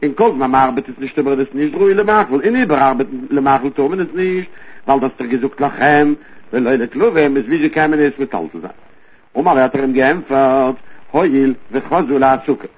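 A man teaching a Talmud study lesson with a rapid, rising and falling study cadence. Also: mid-range voice, lively intonation, breathy edge. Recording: tinny phone-line recording.

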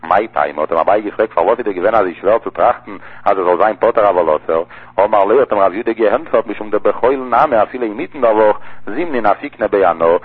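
A man's voice: on the low side, fast, slightly rough. A man teaching a religious law lesson, explaining by repeating key phrases over and over. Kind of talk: text-study lesson. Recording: tinny phone-like recording.

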